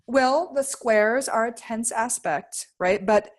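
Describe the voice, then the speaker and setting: A woman's voice: on the high side, takes it slowly. A woman astrologer talking casually on a podcast, rambling and searching for words, with frequent laughs. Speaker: astrologer guest.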